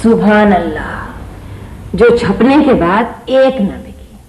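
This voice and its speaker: An actress playing a sharp-tongued middle-aged wife and mother, sarcastic and scolding, in a comic stage play. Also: mid-range voice, animated, drawn-out words, poor audio.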